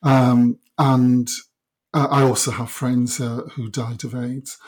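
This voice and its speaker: A man's voice: mid-range voice, little pitch movement, takes it slowly, a little mellow. Male interviewee, middle-aged, Welsh Valleys accent; reflective, hesitant conversational delivery. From South Wales Valleys. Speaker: interview guest.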